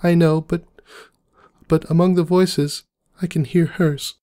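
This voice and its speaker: A man voicing a grieving young female pony in a high, strained falsetto, tearful and pleading, in a fan fiction reading. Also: steady tone, unhurried, mellow, lightly acted.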